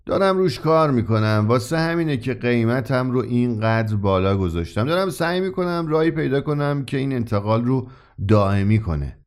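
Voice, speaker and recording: A man's voice: mid-range voice, animated, lightly acted. A man voicing a mysterious, grinning old shopkeeper who sells his wonders with eager, confiding persuasion in a read-aloud story. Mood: persuasive. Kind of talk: audiobook character reading.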